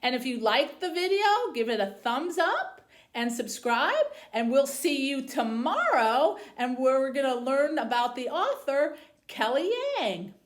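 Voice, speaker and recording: Working as a library host for young audiences, a high-voiced woman reads from a children's novel before addressing the kids directly. Her delivery is measured and storyteller-like, with plenty of pitch movement. Noticeable echo from the room colors the recording.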